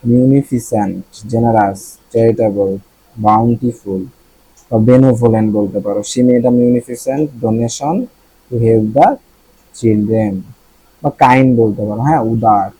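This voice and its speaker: Slow, mellow Bangladeshi man teaching words. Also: mid-range voice, slight background noise, poor audio. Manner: thinks aloud, checks pronunciations, jokes. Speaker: vocabulary teacher. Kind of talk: casual vocabulary lesson.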